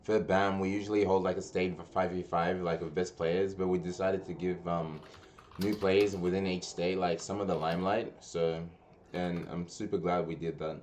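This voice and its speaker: A man's voice: deep voice, flat delivery, moderate pace, darkish tone, slight background noise. A young man hosting a casual gaming podcast, rambling with lots of restarts and slang. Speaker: podcast host and tournament organizer. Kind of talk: casual chat.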